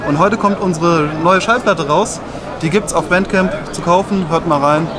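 A man's voice: on the high side, moderate pace, a loud crowd. A man from a jazz band giving a short, friendly greeting to fans outdoors at a festival. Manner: friendly, brief promo talk. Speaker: jazz musician.

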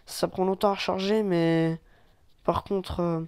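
Clean-toned and high-pitched, this French YouTuber narrates a mobile tank game in a relaxed let's-play style, easily excited and quick to curse or shout at what happens. Sound is dry, at studio quality.

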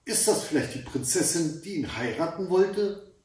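A centuries-old giantess with a long nose, put on by a male reader, shrill and full of exclamations. The voice sits slightly high, and the very echoey room is heard from some distance. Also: animated, moderate pace, darkish tone, natural voice. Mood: exclaiming. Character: hundred-year-old giantess, troll's wife, long-nosed.

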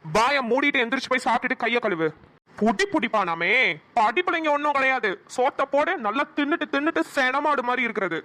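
A woman voicing a stern, grumbling middle-aged village father with a Kanyakumari Tamil accent, who scolds gruffly. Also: high-pitched, animated, fast talker, pushed and bright. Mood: angry.

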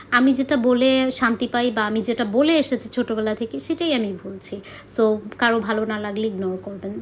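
A young woman from Bangladesh talks through her day in a chatty vlog voice-over, slipping English words into her sentences. Her voice sits a little high. A faint hiss of ambient noise runs underneath. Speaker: vlogger. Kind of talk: casual vlog voice-over narration.

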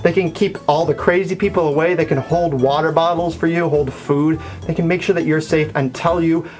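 A man's voice: a little high, steady tone, a little fast, darkish tone, soft background music. A man giving earnest, emphatic safety advice as a vlog host, talking through a fursuit head. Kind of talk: instructional vlog.

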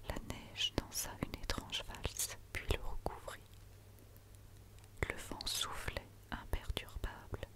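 A woman reads a story aloud in a quiet, soothing night-time whisper, as in ASMR, close to the microphone. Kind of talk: whispered ASMR reading of a children's tale.

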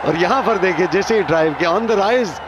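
A man giving live TV cricket commentary with formal, flowery praise and excited calls of each shot. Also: high voice, brisk, very noisy. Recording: broadcast commentary over loud stadium crowd.

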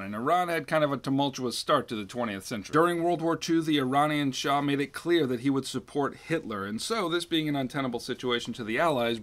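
A man's voice: fairly high pitch, fairly bright tone. Man, history teacher, jokey, emphatic, conversational video lesson.

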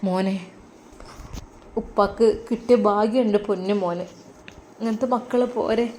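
A woman's voice: mid-range voice, steady tone, unhurried, a little mellow, slight background noise, close to an everyday voice. A woman voicing a loving, anxious mother who soothes and pleads tenderly.

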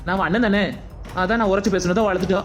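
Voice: medium pitch, fairly even intonation, fast talker, faint music behind, lightly acted. A performer voicing a stern young man who acts as a protective elder brother and lectures bluntly in a cartoon dub.

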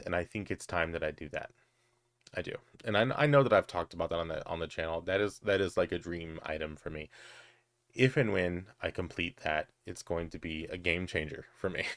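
A man's voice: deep voice, no room sound, studio quality. A middle-aged man hosting a crafting channel, answering viewer questions in a chatty, hesitant way with lots of ums and restarts. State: has the hiccups. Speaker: crochet and knitting channel host. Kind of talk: casual Q&A chat.

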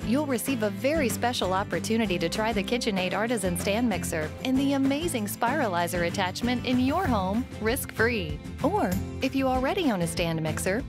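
Higher-pitched woman announcer over music. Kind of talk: scripted infomercial narration.

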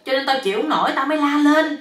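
A woman voicing an exasperated young man who has been bitten by mosquitoes all night, speaking in loud, shrill bursts. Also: expressive, quick pace, far from the mic. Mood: defensive. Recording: roomy, a bit off-mic.

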